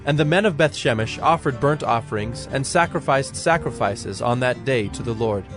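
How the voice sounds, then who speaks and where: Over music, a man with a medium-pitched voice narrates scripture from a script, telling it in a measured, solemn storytelling manner that is still animated.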